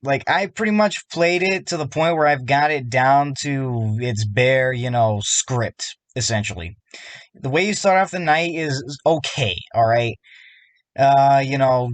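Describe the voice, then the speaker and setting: A man at an ordinary pitch rants about a video game, sounding upset and worked up. He rambles and stumbles through "you know" and "like" as he talks. The recording is dry and close, with no room sound. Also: dry recording. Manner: rambling, fillers, frustrated. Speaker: YouTuber.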